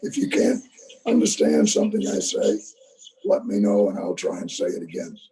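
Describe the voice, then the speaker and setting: A hoarse man with a rough, gravelly voice, patiently leading a youth troop meeting over a video call from a tablet. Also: sits low, wildly swooping pitch, normal speed, warm tone, rough recording. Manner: patient, instructive, checks that he is understood. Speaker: scout troop leader.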